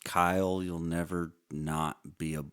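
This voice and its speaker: A man co-hosting a podcast in casual chat, adding slow joking asides. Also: deep voice, little pitch movement, a bit bright, clean tone. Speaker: podcast co-host.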